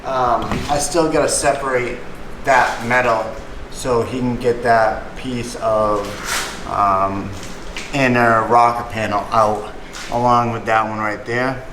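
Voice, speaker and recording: A man's voice: medium pitch, fairly even intonation, slow. A young man casually walking viewers through a car repair in his garage, talking loosely with slang. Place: home garage with a car lift. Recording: echoey garage, faint noise.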